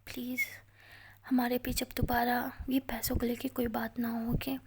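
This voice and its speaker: A woman voicing a caring older woman teacher who speaks softly and reassuringly. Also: on the high side, flat delivery, moderate pace, creaky, background noise. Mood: tender. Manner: soft, reassuring, affectionate.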